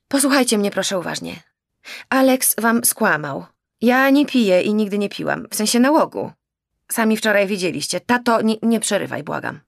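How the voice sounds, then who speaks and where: A woman's voice: mid-range voice, gravelly, dry recording, studio quality, voice pushed up. A woman voicing an agitated, exasperated young woman in an audiobook, pleading and raising her voice. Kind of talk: audiobook character voice.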